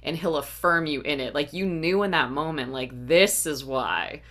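A woman's voice: low-pitched, normal speed, fairly bright tone. A woman hosting a faith podcast as a life coach, talking earnestly and often asking "right?". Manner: earnest, uses "right?" tags. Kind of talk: encouraging podcast talk.

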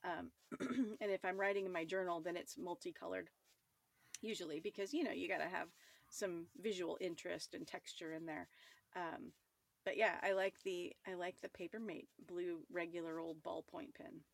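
A woman's voice: on the low side, fairly even intonation, moderate pace, gravelly, no room sound. A woman co-hosting a talk show, chatting in a casual, playful way.

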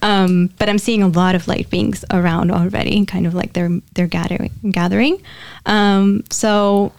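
A young woman appearing as a podcast guest chats casually about a spiritual channeling, laughing often and sinking into a soft near-whisper. Her medium-pitched voice stays steady at a moderate pace, with vocal fry, in a dry recording.

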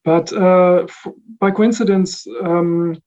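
Dutch-raised man with a mellow, dull-sounding voice. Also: sits high, fairly even intonation, takes it slowly. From Netherlands. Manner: thoughtful, many fillers and restarts. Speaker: recording engineer guest. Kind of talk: casual interview answers.

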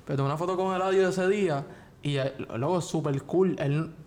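A man's voice: on the high side, fairly quick, a little mellow. A Puerto Rican man co-hosting a podcast, rambling in casual chat with lots of fillers. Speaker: podcast co-host.

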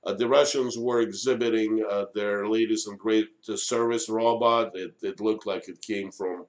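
A man hosting an unscripted live stream of political commentary, speaking haltingly with many filled pauses. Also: fairly low pitch, steady tone. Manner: halting, frequent long hesitations and filled pauses.

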